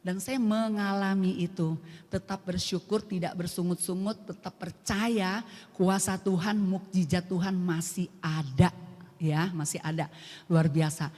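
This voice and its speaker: An older woman sharing a personal faith testimony at a church prayer group, earnest and emotional, moving between soft and emphatic speech. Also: fairly low pitch, steady tone, unhurried. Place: church hall. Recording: echoey hall with long reverb.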